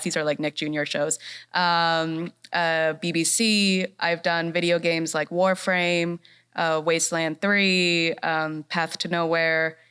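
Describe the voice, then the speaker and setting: A woman from North Carolina with a low, smooth voice and a fairly bright tone. She's a voice actress on a festival panel on a fine arts center stage, keeping the talk casual, bubbly, and upbeat, and laughing often.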